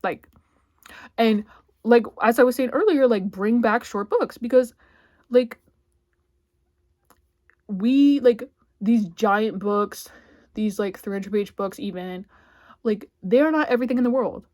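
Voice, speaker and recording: A woman talking casually about books she bought, rambling with lots of filler words and bursts of excitement. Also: on the high side, slow pace, pauses often, no room sound. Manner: chatty and rambling, heavy filler words, sudden squealy outbursts. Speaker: book vlogger.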